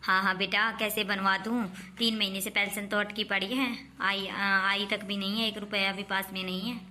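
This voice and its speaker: A woman's voice: medium pitch, flat delivery, bright, forceful tone, a little hiss or hum, natural voice. A woman playing a nagging mother-in-law. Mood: complaining. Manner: nagging, quick-talking, coaxing. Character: fussy scolding older mother-in-law, favors daughter. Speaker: mother-in-law in a family skit. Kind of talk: home-made comic family skit.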